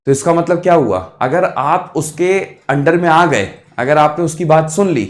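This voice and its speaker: A man teaching a live online exam-prep math class, encouraging, repeating each answer, and mixing quick calculation with motivational asides. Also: fairly high pitch. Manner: encouraging, repeats answers, addresses students as kids.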